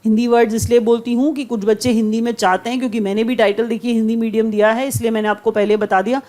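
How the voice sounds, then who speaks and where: A woman teaching vocabulary for competitive exams, explaining word meanings in a mix of Hindi and English, repeating each word patiently and reading example sentences slowly. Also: fairly high pitch, steady tone, a little mellow. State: occasional coughing. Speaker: vocabulary teacher for exam preparation. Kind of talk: online vocabulary lecture mixing Hindi and English.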